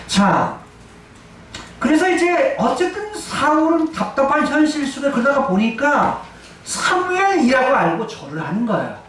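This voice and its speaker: A man's voice: extremely high pitch, very animated, measured pace, fairly bright tone, a little hiss or hum. A male pastor preaching a sermon, emphatic, asking and answering his own questions. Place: church sanctuary. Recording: echoey church hall, distant mic.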